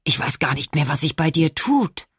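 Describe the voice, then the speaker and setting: A woman's voice: low voice, sing-song, slightly rough, dry recording, studio quality, full character voice. A woman voicing a frazzled, exhausted young mother who speaks bluntly to her friend in an audiobook. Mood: hurt. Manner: blunt, hurried.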